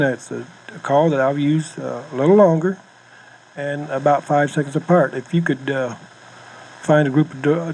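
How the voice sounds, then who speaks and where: On a noisy, home-style cassette tape, an American man from the United States gives informal hunting instruction in plainspoken, folksy terms. His voice is on the high side with a darkish tone.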